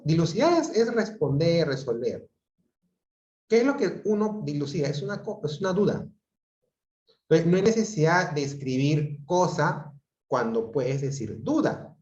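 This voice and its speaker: At a medium pitch with a darkish tone, a man runs a class over video call, explaining carefully and often pausing to check in with his students. His computer mic gives a dull, roomy sound.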